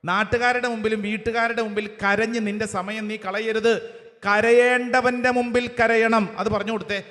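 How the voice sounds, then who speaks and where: A priest with a high-set voice delivers a sermon, calling out verses one phrase at a time for the listeners to repeat. His words ring out with a long reverb, as if spoken in a large church hall. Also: level tone, normal speed, sharp tone. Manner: cites verses with English chapter numbers. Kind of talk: sermon with call-and-response.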